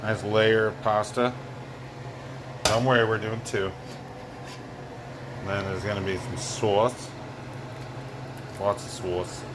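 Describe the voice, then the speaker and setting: Giggly, tipsy man with a low voice. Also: level tone, takes it slowly, long pauses. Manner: giggly, loose tipsy rambling with frequent chuckles. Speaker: home cook recording a cooking video. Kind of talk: casual cooking vlog talk. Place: home kitchen, indoors. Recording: clear background hum of air conditioning.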